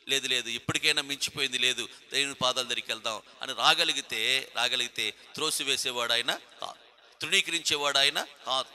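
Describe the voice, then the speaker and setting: A man's voice: a little high, pushed and bright. A man preaching a sermon with a Telugu accent, emphatic and repetitive, firing rhetorical questions and calling on listeners by name. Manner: addresses congregation members by name. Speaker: pastor.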